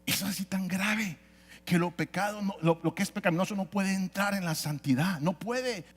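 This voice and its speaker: High-voiced preacher in a reverberant church. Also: male voice, moderate pace. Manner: preaches with shifting loudness, voicing biblical figures. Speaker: pastor. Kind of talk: sermon. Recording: long hall reverb.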